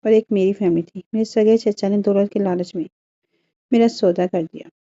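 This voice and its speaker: A woman's voice: mid-range voice, fairly even intonation, normal speed, warm tone, lo-fi sound, lightly acted. A woman voicing a feisty young newlywed wife who answers back in playful bickering. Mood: tearful.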